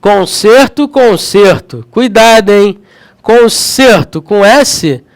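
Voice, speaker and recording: Speaking slowly yet animatedly in a high voice, a man from Rio de Janeiro, Brazil, leads a spirited grammar lesson with a Rio de Janeiro Portuguese accent. He's talkative, checks in with his students often, and there's no echo.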